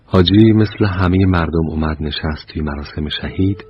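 A man giving scripted narration of short anecdotes, measured and slow, his line endings trailing off softly. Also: sits low, muffled recording, heavy background noise.

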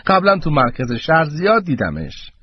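A man's voice: a little high, huge pitch swings, a little hiss or hum. Man voicing a meek apologetic old man. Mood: pleading. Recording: dull radio broadcast.

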